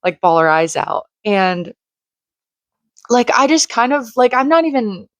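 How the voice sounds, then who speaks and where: A vlogger in her late twenties talks earnestly in a rambling, casual monologue packed with "like", her voice slightly crackly from screaming. She speaks from a room at home by a shared wall, in a fairly high, very animated but unhurried voice, with no room sound.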